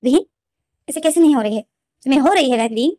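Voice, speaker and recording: A woman voicing an angry, possessive young man in a storybook retelling, making loud, insistent demands. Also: fairly high pitch, moderate pace, no echo, clean studio sound, lightly acted.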